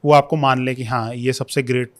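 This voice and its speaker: A man's voice: medium pitch, little pitch movement, brisk. A young man, a history scholar who explains at length in a podcast interview, mixing English terms into his Hindi. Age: young adult.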